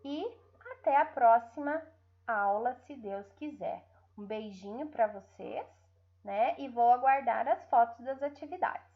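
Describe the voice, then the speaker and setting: Over tinny audio, a woman teaching young pupils online speaks with a Brazilian Portuguese accent in a fairly high, narrow voice. She elongates syllables and keeps checking in with the children.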